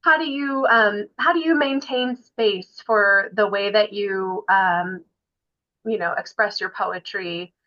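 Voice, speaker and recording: A woman's voice: mid-range voice, slow, highs cut off. A woman moderating a poetry panel, asking long, searching questions full of fillers. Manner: thoughtful, searching, many fillers.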